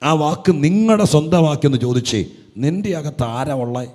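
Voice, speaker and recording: A man preaching a Pentecostal sermon who keeps saying "praise the Lord" and "hallelujah". He asks the congregation questions and moves from quiet asides to loud, stressed lines. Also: on the high side, lively intonation, brisk.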